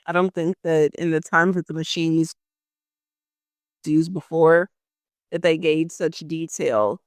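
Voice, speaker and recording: A man speaking in a slightly high voice on a close, dry mic. He talks through a scene in an earnest, thoughtful way, as part of a casual podcast discussion. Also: fairly bright tone, no room sound. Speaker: podcast co-host.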